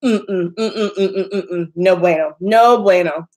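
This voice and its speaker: This Southern American woman is a makeup artist chatting casually on a livestream, emphatic and quick to laugh. Her voice is a little congested and nasal, on the low side, with a darkish tone.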